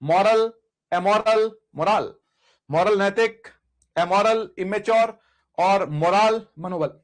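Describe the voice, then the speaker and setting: High-voiced, slow-paced teacher. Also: male voice. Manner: drills word lists by repetition, asks and answers own questions. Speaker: English teacher. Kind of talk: exam vocabulary lesson.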